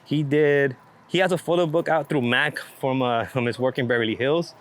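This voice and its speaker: Speaking at a moderate pace with a medium-pitched voice, a man being interviewed as a street photographer chats casually. He rambles in a laid-back way about his creative work, cursing freely as he goes.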